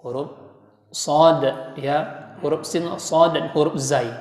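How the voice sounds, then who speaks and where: A man's voice: fairly high pitch, steady tone, slow pace, darkish tone, roomy sound, in a large hall. A man teaching Quran pronunciation, patiently demonstrating letter sounds and chanting short words.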